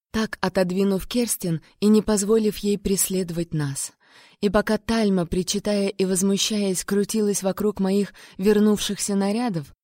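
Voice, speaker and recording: A woman narrating a first-person audiobook in an expressive, lightly dramatic way. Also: mid-range voice, no echo, clean studio sound.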